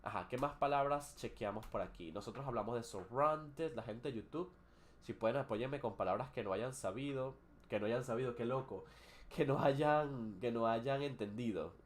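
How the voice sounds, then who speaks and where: This man's voice is medium in pitch and moderate in pace as he teaches English on a live stream. Alternating Spanish and English, he walks through words and their pronunciation with plenty of hesitant fillers and restarts.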